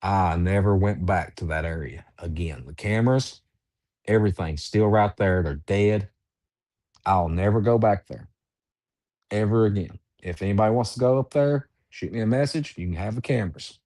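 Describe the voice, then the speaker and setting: A man who researches Bigfoot, telling a story in a halting, drawn-out way with many restarts. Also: fairly low pitch, dark tone, dry recording, studio quality. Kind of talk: storytelling in an interview.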